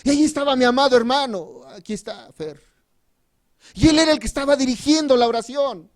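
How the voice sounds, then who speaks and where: A man from Mexico preaching a sermon with a personal testimony at a church retreat. He is fervent and swings between loud emphasis and quiet, confiding asides. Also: very high voice, fairly quick.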